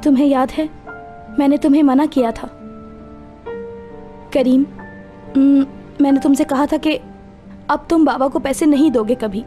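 A woman's voice: sits high, fairly even intonation, unhurried, pauses often, dark tone, faint music behind. An actress playing an earnest, insistent young fiancée in her twenties in a dubbed TV drama. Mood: affectionate. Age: 20s. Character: earnest, affectionate young fiancée, gently scolding.

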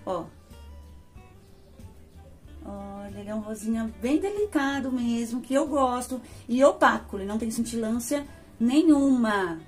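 A woman's voice: fairly high pitch, darkish tone. Chatty Brazilian woman reviewing makeup. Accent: Brazilian Portuguese. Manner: chatty, affectionate, addresses viewers as "amores" and "gente". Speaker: beauty vlogger.

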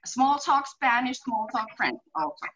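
On a muffled video call with faint hiss, a middle-aged woman from Finland, a horse behaviorist guest with a Finnish accent, talks earnestly from a room in her home. Her voice is on the high side, very animated and a bit bright, at a measured pace, and she explains through examples with many "you know"s.

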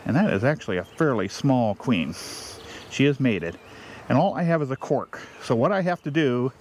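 A man, a beekeeper, explaining his steps in a casual, unhurried way while he works outdoors. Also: medium pitch. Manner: plain, unhurried, thinking aloud while working. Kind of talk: casual how-to narration. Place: outdoors beside a beehive. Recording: faint outdoor ambience with buzzing bees.

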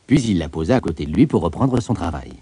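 A man narrating a storybook tale in an expressive, lilting way. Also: deep voice, fast talker.

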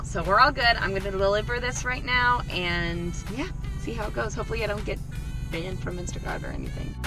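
A young woman talking casually to a dashboard camera from inside her car, chatty and upbeat as she thinks aloud about her delivery work. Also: medium pitch. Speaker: delivery driver vlogger. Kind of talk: casual vlog narration.

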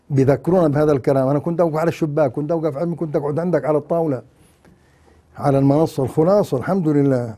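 Older guy doing sarcastic tv political commentary, kinda high but mellow dark tone. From Jordan. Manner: mocking, animated, mimics others in sing-song asides. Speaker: TV commentator, former university lecturer.

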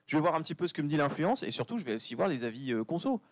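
A man giving a lively conference talk, chatty and joking with the audience. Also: a little high, rapid-fire, no echo. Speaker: conference speaker. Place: conference venue.

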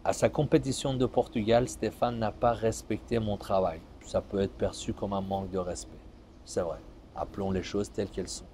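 A man in his forties from Iran, a fitness coach, talking in a calm, measured, motivational way. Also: on the low side, slight background noise. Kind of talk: vlog monologue answering viewer questions. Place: seated on an outdoor terrace, then driving a car.

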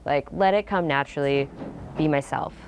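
Woman, 30s, casual interview, nervous and self-deprecating, lowish voice, outdoors, faint noise. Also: normal speed. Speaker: comedy student, interviewee. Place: outdoors on a bench beside a sidewalk.

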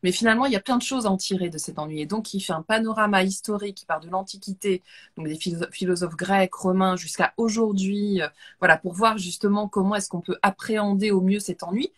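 A woman's voice: medium pitch, fairly quick. A woman hosting a video call webinar, summarizing her guest's points and talking about books. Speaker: webinar host. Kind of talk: casual webinar chat.

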